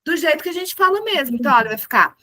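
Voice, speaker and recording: A woman with a fairly high voice leads a music lesson over a video call. She is encouraging and often chants words slowly, beat by beat. Her sound is close and dry, with no room echo. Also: big pitch swings, sharp tone. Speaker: music teacher. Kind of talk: teaching a group music lesson.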